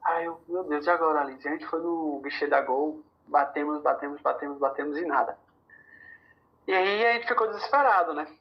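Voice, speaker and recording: A man from Brazil tells a story in a relaxed podcast chat, voicing the other people's lines as he goes. He speeds through some bursts and slows down for others. The audio is somewhat dull and lo-fi. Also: a little high. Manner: animated, quotes dialogue, rushes through bursts. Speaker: podcast guest. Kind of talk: casual storytelling.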